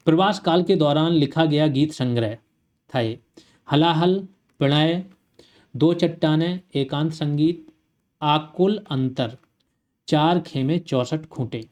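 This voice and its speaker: A man's voice: on the high side, darkish tone. A male teacher giving an online exam-prep lecture, reeling off lists of titles and lifting his voice on questions to the class.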